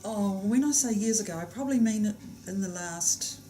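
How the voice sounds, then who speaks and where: A woman with a New Zealand accent, a student in a class, talking softly and agreeably about her sore shoulder. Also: mid-range voice, moderate pace, slight background noise. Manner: soft, agreeable, brief replies. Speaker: student receiving therapy. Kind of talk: casual conversation in a class.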